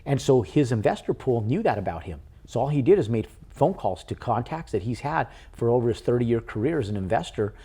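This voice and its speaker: A man in an interview who tells his story casually, animated and with casual swearing. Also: mid-range voice, a little fast, hardly any pauses, husky. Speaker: podcast guest, real estate investor.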